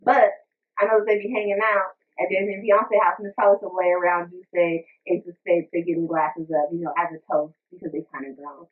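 A woman giving a casual, animated music review, chatting and breaking into little sung bits. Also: lowish voice, a little fast. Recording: tinny phone-like sound, distant mic.

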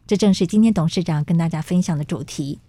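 A woman's voice: lowish voice, fast, mellow, no room sound. A Taiwanese woman hosting a radio program in a studio, her voice slightly muffled as she speaks through a face mask. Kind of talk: scripted radio introduction and interview hosting.

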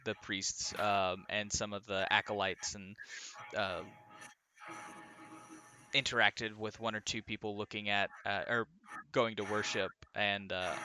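Slow, halting game-master man. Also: on the low side, little pitch movement, sharp tone, slight background noise. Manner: halting, full of restarts and laughs. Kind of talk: narrating a tabletop game.

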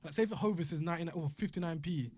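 A man's voice: fairly high pitch, very fast, darkish tone, dry recording. A man with a London roadman accent, bantering in street slang in a casual group conversation.

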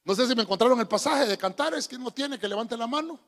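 A man's voice: extremely high pitch, expressive, quick pace, a bit bright. A man preaching to his congregation in a folksy, joking way, often calling them brother. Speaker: pastor. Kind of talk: sermon. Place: church. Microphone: handheld microphone.

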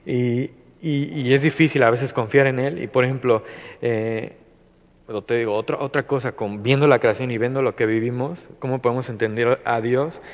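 A man's voice: medium pitch, fairly even intonation, moderate pace. Rambling Mexican man in a reverberant room. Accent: Mexican Spanish. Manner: rambling, many fillers and restarts. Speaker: Bible study speaker. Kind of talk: informal devotional talk. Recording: dull, reverberant recording.

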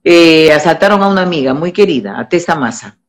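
A woman's voice: sits low, expressive, brisk. A woman, an actress guesting on a talk show, speaking emphatically and repeating words for stress. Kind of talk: casual chat.

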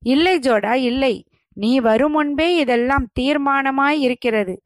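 A woman voicing a frail old male hermit who speaks in a soft, feeble, dreamy voice in a told story. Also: high-pitched, measured pace, dry recording, studio quality. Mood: solemn.

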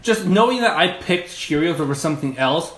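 A man's voice: a little high, animated, fairly quick, a bit bright, echoey room, a little hiss or hum. A man co-hosting a casual chat, joking and arguing his points in comic lists. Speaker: podcast co-host.

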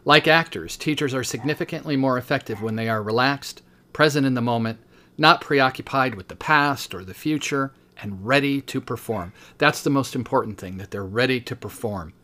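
A man in his fifties, a teacher hosting a podcast, reads his own book aloud at a steady pace and breaks off now and then for short spoken asides. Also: medium pitch, moderate pace.

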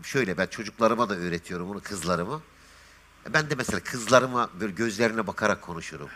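Fast talking guy, bright voice, loves acting out his stories, casual chat. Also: fairly low pitch, a little hiss or hum. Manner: lively storyteller, acts out dialogue. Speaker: guest.

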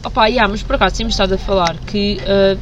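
A woman's voice: medium pitch, steady tone, quick pace, muffled recording. A young woman with a European Portuguese accent chatting casually and slangily with friends as a podcast host, recorded outdoors. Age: young adult. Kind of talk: casual chat among friends. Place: outdoors in a busy public spot. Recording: clear outdoor urban noise, traffic.

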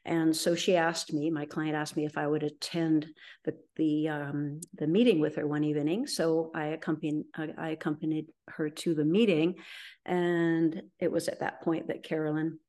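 A woman's voice: deep voice, level tone, normal speed, dark tone. A middle-aged woman, a guest in an interview, telling her story in a rambling way with frequent ums and restarts. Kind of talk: conversational storytelling.

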